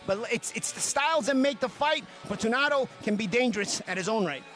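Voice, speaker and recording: A man's voice: extremely high pitch, expressive, fairly quick, a bit bright, soft background music. A man giving live fight preview commentary as a boxing analyst, emphatic and repeating his phrases.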